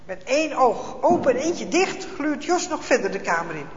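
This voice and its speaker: A man telling a children's Bible story in an expressive, dramatic way, with small hesitations. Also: very high-pitched, normal speed, slight background noise. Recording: echoey hall, dull lo-fi sound.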